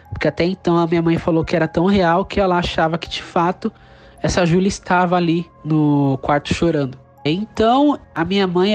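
A Brazilian Portuguese-accented podcast storyteller with a middle-pitched voice recounts a spooky family account in a relaxed, rambling way. The telling leans on fillers and tag questions. Soft music plays faintly underneath. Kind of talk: casual spoken retelling of a paranormal account.

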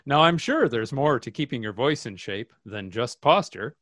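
A man's voice: mid-range voice, animated, moderate pace, fairly bright tone, no room sound, clean studio sound. A man playing a pompous, vain radio host. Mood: self-satisfied. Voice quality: pompous, overly precise diction. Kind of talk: comedic radio sketch.

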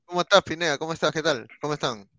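A man's voice: on the high side, racing, bright, forceful tone. A man joining a Peruvian football podcast as co-host, bantering playfully. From Peru.

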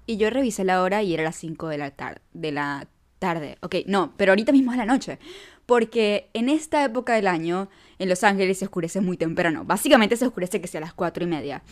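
A woman's voice: mid-range voice, brisk. Chatty young woman. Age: young adult. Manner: animated, self-mocking, chatty. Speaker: vlogger. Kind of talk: storytime chat to camera.

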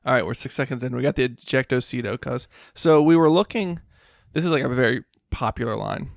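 A man's voice: mid-range voice, a little fast, gravelly, no room sound, studio quality. A man co-hosting a podcast, chatting casually and joking his way through a movie scene. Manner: laid-back, jokey banter. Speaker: podcast co-host. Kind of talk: casual movie-commentary chat.

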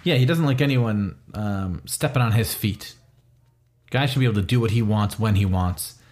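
A man's voice: lowish voice, normal speed, a little mellow. A man co-hosting a podcast, talking easily and casually about a comic book. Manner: easygoing, laughs along. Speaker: podcast co-host.

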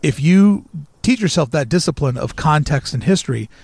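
A man co-hosting a podcast, talking in an animated storytelling way and acting out quick quoted voices. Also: on the high side, vocal fry, slightly rough, dry recording. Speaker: podcast co-host. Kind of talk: casual chat.

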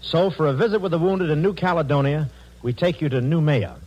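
A man's voice: fairly high pitch, brisk, a little mellow, highs cut off. 1940s radio announcer, formal man's voice. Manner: formal old-time radio announcer delivery. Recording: old 1940s radio broadcast recording.

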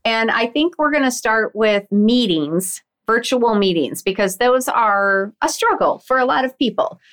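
Relaxed woman, podcast co-host, casual and unhurried. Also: on the high side. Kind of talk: casual chat.

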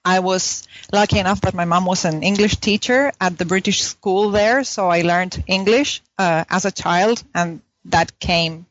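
In a dry, dull recording, a woman with a low-leaning, steady voice talks at a measured pace with hardly any pauses. She is a native Spanish-speaking philosophy professor from southern Chile with a Chilean accent, recounting her own story conversationally as an academic interview guest.

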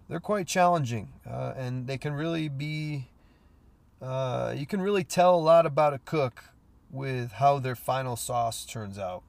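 A man's voice: mid-range voice, creaky, no room sound. A man hosting a casual solo podcast about cooking, sounding stuffy from a cold and rambling with many fillers. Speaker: podcast host, cook.

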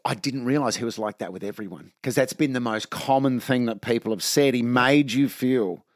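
An Australian man hosting a casual podcast chat, relaxed and conversational. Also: mid-range voice, moderate pace, no echo. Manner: easygoing, conversational prompter. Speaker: podcast host. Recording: dry studio sound.

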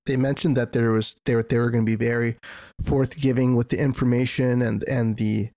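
A man hosts casual sports talk sounding sick and stuffed up in the nose. His pitch is average and his delivery halts and doubles back on words. The sound is dry, with very little room to it. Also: little pitch movement, fairly quick, warm tone, no echo. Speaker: sports podcast host. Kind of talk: casual hockey commentary.

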